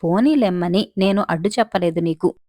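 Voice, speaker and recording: A woman's voice: on the low side, fairly quick, dark tone, no room sound, natural voice. A woman reads the part of a fretful old servant father, chiding his son in an exasperated voice. The sound is dry and close, with no room around it. It is a storybook telling. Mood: scolding. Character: worried older male royal servant, scolding father.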